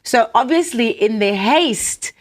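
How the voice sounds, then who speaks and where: A woman with a South African accent co-hosts a radio show or podcast, chatting, bantering casually and telling stories while switching between Afrikaans and English. Her voice is fairly high, expressive and slow-paced.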